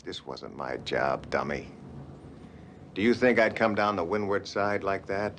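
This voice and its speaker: Reformed cat burglar, middle-aged, low voice, wry and a bit desperate. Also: male voice, a little slow, fairly bright tone, a little hiss or hum. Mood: mocking. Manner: wry, chuckling, then pleading. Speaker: ex-convict on parole.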